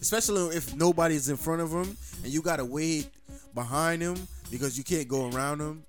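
A man hosting a live call-in podcast, talking in a loose, excitable, slangy, rambling way. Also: fairly high pitch, a little fast, faint music behind. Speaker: podcast host. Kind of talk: casual live call-in chat.

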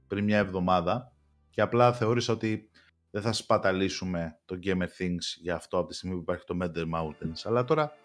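A young man chats casually as a podcast co-host, wandering through his points with many restarts. His voice sits on the low side, and faint music plays behind him. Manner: rambling, many restarts and fillers. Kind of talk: casual chat about TV series.

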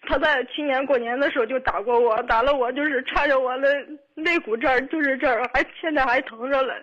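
A woman of twenty-two calling a radio show, upset and tearful, speaking in halting, repetitive bursts. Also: high-pitched, a bit bright, highs cut off. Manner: halting, repetitive, restarts often. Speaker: caller. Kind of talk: radio call-in.

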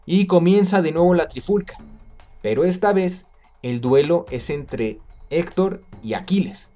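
A man retelling an ancient epic in casual, slangy, lively narration. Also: medium pitch. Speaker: storyteller.

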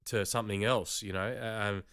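Man, lowish pitch, clear smooth tone, casual interview host, encouraging. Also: steady tone, normal speed, fairly bright tone, dry recording, studio quality. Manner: conversational, encouraging.

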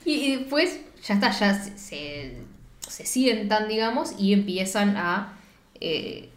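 A woman's voice: medium pitch, lively intonation, slow pace. Young Rioplatense woman, casual co-host, retells scenes and quotes the characters; roomy echo. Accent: Rioplatense Spanish. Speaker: co-host reviewing a film. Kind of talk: casual chat. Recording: echoey room.

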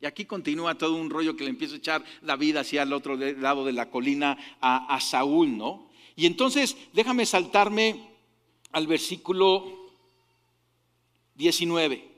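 Man, pastor, sermon, raised pitch, lively, questions to listeners, echoing hall. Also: normal speed.

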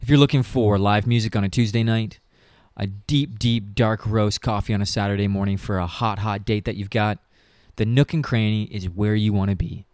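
A man's voice: on the low side, steady tone, normal speed, darkish tone, no echo. A man announcing a scripted, comic fake sponsor read for a podcast. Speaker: mock ad announcer.

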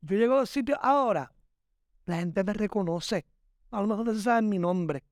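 A man's voice: sits high, moderate pace, no echo, studio quality. A man, a podcast guest giving emphatic, preachy motivational talk. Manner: emphatic, preachy, dramatic, addresses listener as "mi amor".

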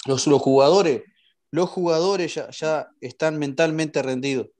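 A man with a Uruguayan accent, calmly arguing a football point on a casual podcast, repeating phrases as he explains. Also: a little high, a little slow. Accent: Uruguayan Spanish. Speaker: podcast panelist. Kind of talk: football analysis chat.

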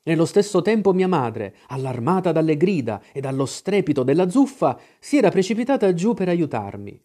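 A man narrating an adventure story with dramatic storytelling flair. His pitch moves in lively arcs across each sentence. The voice is dark and mellow, sitting a bit high for a man. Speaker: audiobook reader. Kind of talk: scripted narration.

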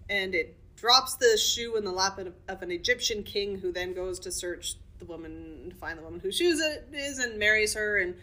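A woman's voice: medium pitch, animated, moderate pace, few pauses, sharp tone. A woman co-hosting a casual podcast, chatting about the history of fairy tales with blunt opinions. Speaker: podcast co-host.

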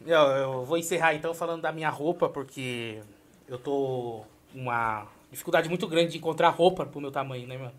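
A man's voice: mid-range voice, brisk. A man, a comedian, telling a stand-up joke in casual chat and saying "mano" a lot.

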